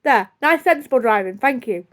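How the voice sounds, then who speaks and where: A young British video blogger with a fairly high voice chats casually with her viewers, with lively intonation at a normal speed. She rambles in a self-deprecating way, often sidetracking herself as she tells her story.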